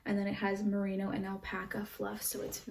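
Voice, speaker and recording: A woman's voice: medium pitch, monotone, fairly quick, creaky, a little mellow, recorded from a distance, slight background noise. A woman vlogging casually about her knitting, rambling with lots of fillers and sounding stuffy from a runny nose. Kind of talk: casual show-and-tell chat.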